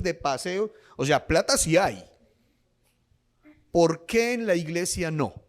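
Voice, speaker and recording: High-voiced man preaching. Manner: rhetorical, firing off questions. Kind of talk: sermon.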